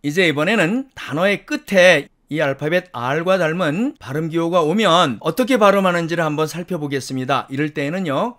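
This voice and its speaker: A man teaching English pronunciation in a lecture, explaining slowly and deliberately and repeating practice words several times. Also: a little high, fairly bright tone. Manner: slow, deliberate explanations with repeated word drills.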